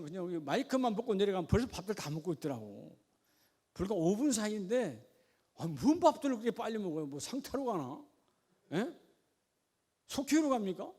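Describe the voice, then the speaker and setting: A man preaching a sermon, asking the congregation questions in a folksy way and at times dropping to a quiet, chatty aside. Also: sits high, slightly rough. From Gyeongsang region of Korea. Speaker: pastor.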